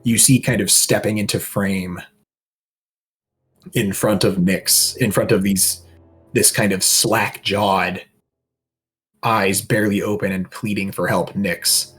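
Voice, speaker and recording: Slow, low-voiced man game master. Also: steady tone, fairly bright tone, slightly rough, soft background music. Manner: slow, halting descriptive narration with many restarts. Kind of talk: narrating a tabletop game.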